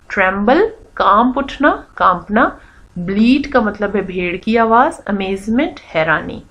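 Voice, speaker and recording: Woman teacher explaining a story slowly. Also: mid-range voice, expressive, a bit bright, muffled recording. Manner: reads English lines slowly, then explains them in Urdu. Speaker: English teacher. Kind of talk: reading a story aloud and explaining it to pupils.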